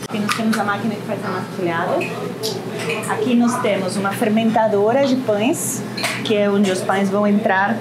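A woman's voice: medium pitch, normal speed. Woman chef showing around a restaurant. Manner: relaxed, pointing things out as she walks. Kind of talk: casual guided tour. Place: restaurant kitchen and offices. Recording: audible kitchen background noise.

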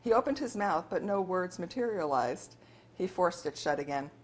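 A woman co-author reading her novel aloud at a bookstore event in a steady, measured narration. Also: on the low side.

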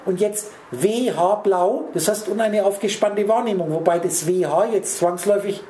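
A man holds forth on a spiritual theme, talking directly to a small audience and jumping between words and their letters. His voice is dark and mellow. The room echoes around him. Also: high-pitched, normal speed, a little hiss or hum. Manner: rambling, addresses listeners directly with wordplay. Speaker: lecturer. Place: lecture room.

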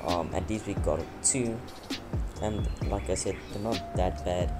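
Loud game music plays behind a young Afrikaans game YouTuber whose low voice moves a little slowly. He meanders through casual gameplay commentary, filling gaps with plenty of fillers.

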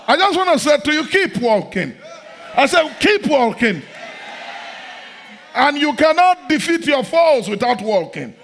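A middle-aged man preaching a sermon in a large church hall, fervent and repetitive, often breaking into shouts. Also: extremely high pitch.

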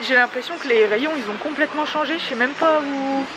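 A woman's voice: high voice, quick pace. A woman in her twenties vlogging casually, her voice slightly muffled through a face mask. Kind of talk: casual shopping vlog chat. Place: car, then large busy discount store. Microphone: handheld camera at arm's length. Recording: clear background noise, store and vehicle ambience.

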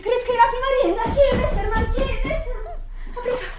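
An actress playing an anxious young woman in a 1970s radio drama, urgent and pleading. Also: very high voice. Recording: old radio play, echoey, distant, loud hiss.

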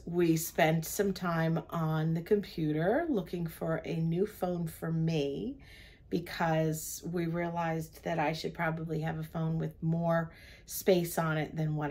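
Older lady with a low voice telling her cruise day, chatty, sitting in a cabin. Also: gravelly, darkish tone. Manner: chatty, recounts the day step by step. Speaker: travel vlogger. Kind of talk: casual chat. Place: cruise ship cabin, seated on a sofa.

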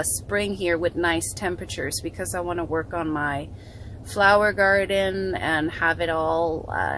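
A woman in her thirties records a casual vlog update from a parked car, phone held close to her face. Her voice sits somewhat low, and she chats along with frequent fillers and restarts. A faint hum of vehicle noise runs underneath. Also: fairly bright tone, rough recording. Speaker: vlogger. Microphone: phone camera held close.

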